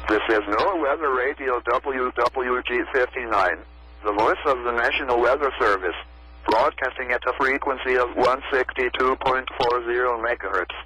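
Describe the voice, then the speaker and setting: Through poor audio with a bit of hiss or hum, a mid-range, bright, forceful male voice reads a marine forecast at moderate pace. It's American text-to-speech on weather radio, stilted and clearly scripted.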